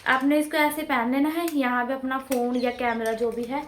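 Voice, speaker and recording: A vlogger in her thirties chats casually at home, rambling into a clip-on mic close to her mouth. Her voice sits high with fairly even intonation at a normal speed, and there's slight background noise.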